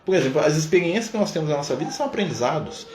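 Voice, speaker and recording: Heading a spiritist study group, a Brazilian man gives a conversational live-streamed talk in a community center room, frequently tagging a questioning "né?" onto his sentences. His voice is a little high, sing-song and slightly mellow, recorded with a roomy sound and faint hiss or hum.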